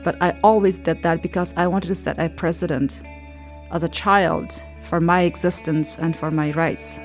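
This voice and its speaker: A woman's voice: lowish voice, steady tone, moderate pace, faint music behind. A woman, telling her story in a documentary interview in an earnest, reflective way. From Afghanistan. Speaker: interviewee, former Olympic judoka.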